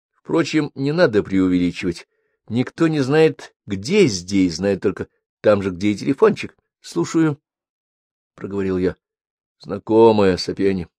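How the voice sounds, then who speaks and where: A male audiobook narrator reads a novel in a steady, measured manner. His voice is on the low side. The recording is dry and close, with no room sound. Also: no room sound. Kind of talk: scripted narration.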